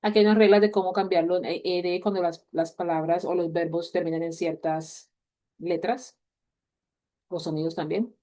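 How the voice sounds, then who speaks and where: A woman's voice: lowish voice, fairly even intonation, normal speed, dark tone. A woman teaching a class on English grammar, explaining step by step and mixing English words into her speech. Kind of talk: online class walkthrough.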